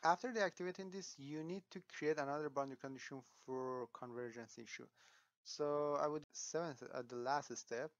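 A man walks through a software tutorial, pausing on fillers and restarting sentences as he thinks aloud. His voice is smooth and mid-pitched. It is recorded dry and a little dull. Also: no echo.

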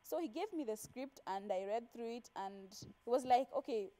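An expressive, warm voice on the high side belongs to a Kenyan-accented actress in her twenties, speaking at a moderate pace. Seated on a TV studio sofa as an interview guest, she chats casually and tells stories with quoted speech, wearing a clip-on lapel mic.

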